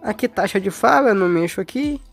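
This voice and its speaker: A woman's voice: mid-range voice, lively intonation, fast, gravelly. Informal Brazilian woman giving a tutorial. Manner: informal, often checking in with short tag questions. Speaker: tutorial host. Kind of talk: casual step-by-step phone tutorial. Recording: faint music behind.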